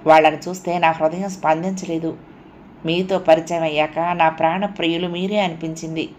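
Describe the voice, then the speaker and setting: A soft-spoken young woman, adoring and coaxing, murmuring close in a storybook reading, as a woman narrator puts her on. Her voice sits a little higher than the reader's own and stays tender and sweet. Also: level tone, moderate pace, a little hiss or hum, close to an everyday voice.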